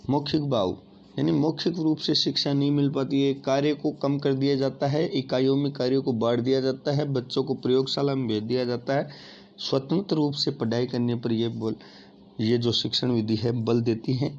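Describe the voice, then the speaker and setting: A man's voice: medium pitch, flat delivery, moderate pace, a little mellow. A man teaching an exam-prep lesson, addressing listeners as friends and asking and answering his own questions. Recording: dull lo-fi audio with faint noise.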